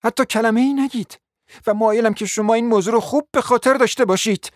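A man's voice: extremely high pitch, no echo, clean studio sound. A man playing a proud, bitter young woman who is ill and speaks sharply and impatiently, in a radio drama. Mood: scornful.

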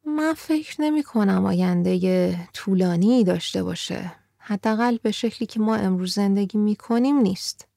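A woman voicing a thoughtful sixteen-year-old girl who speaks earnestly and reflectively, with a gravelly edge in a dry room. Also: medium pitch, dry recording, lightly acted. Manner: earnest, reflective, sometimes laughing softly.

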